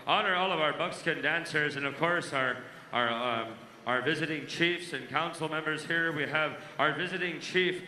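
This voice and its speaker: A man working as a powwow emcee, announcing introductions and calling people up with drawn-out names. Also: fairly high pitch, bright, forceful tone. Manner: announcer-like, drawn-out names, honoring dancers and guests. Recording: echoey sound system, faint background noise.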